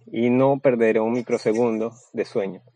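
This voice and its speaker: Man, mid-pitched, seminar voice-over, crude and boastful, dry close sound. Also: steady tone, moderate pace, mellow, no echo, rough recording. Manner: blunt, crude and boastful, with many restarts. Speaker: seminar speaker. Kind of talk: Spanish voice-over of a seminar talk.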